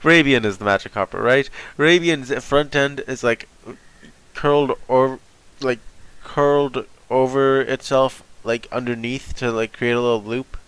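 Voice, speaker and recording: A man's voice: mid-range voice, unhurried, a bit bright, smooth, no echo, low-quality recording. A young man with a stuffy nose from being sick, rambling and thinking aloud as he reacts to a comic chapter. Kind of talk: casual live reaction.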